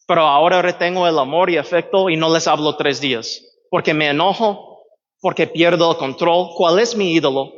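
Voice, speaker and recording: A man's voice: on the high side, moderate pace. Man preaching in a reverberant hall. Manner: conversational, asks the audience "¿verdad?" often. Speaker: pastor. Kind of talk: sermon teaching. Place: church hall. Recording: dull sound, long church reverb.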